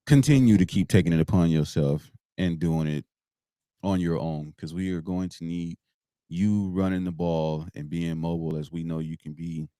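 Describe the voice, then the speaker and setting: Deep mellow-voiced man talking sports. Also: no echo, studio quality. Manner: relaxed, drawn-out, many fillers. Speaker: podcast co-host. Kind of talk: casual sports chat.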